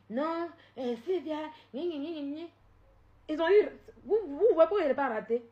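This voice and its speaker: A woman on a live stream, confrontational and repetitive, swinging from loud outbursts to low scolding. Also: muffled recording. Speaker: social media live streamer. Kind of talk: heated live-stream rant.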